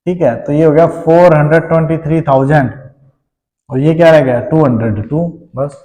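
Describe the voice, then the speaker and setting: A man's voice: a little high, normal speed, dark tone, long reverb tail, rough recording. A man with an Indian accent teaching a math lesson, explaining step by step and often checking in with his students.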